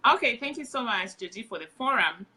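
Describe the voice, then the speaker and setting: A woman's voice: fairly high pitch, animated, fairly quick, sharp tone, poor audio. A woman with a Kenyan accent, a nurse practitioner, chatting as a guest on a casual livestream interview and laughing easily.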